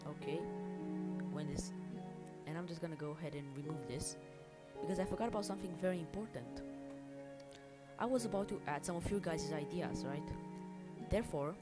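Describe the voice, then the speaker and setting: A low-pitched woman livestreams casually, speaking briskly but with long pauses. A hobby game developer, she thinks aloud informally and pokes fun at herself while working, with music and keyboard typing in the background.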